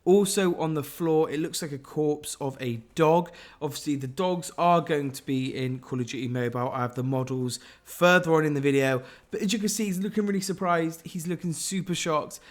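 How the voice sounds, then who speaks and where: Man, slightly high voice, gaming video commentary, enthusiastic, speaks to viewers. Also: fairly quick, hardly any pauses. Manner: enthusiastic, speculative, addresses viewers directly. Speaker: gaming YouTuber. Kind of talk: commentary on game leaks.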